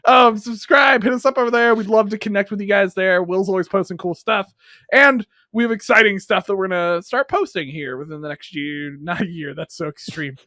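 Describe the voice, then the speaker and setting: Bright high-voiced joking podcast host. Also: male voice, fairly quick, dry recording, clean studio sound. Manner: joking, rambling, laughs often. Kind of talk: casual podcast banter.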